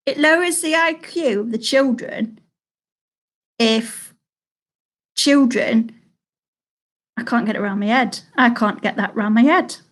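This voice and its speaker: A woman runs a live quiz stream from her home, and her voice sits a little on the high side. She chats easily between questions, then reads each one slowly and repeats it for the players. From Salford, England. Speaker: quiz host.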